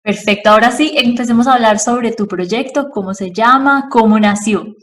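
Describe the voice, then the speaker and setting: A woman's voice: on the high side, normal speed, a bit bright, far from the mic. A woman hosting an interview podcast, friendly and encouraging, often affirming with short murmurs. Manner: friendly, frequent affirming "ujú". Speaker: podcast host.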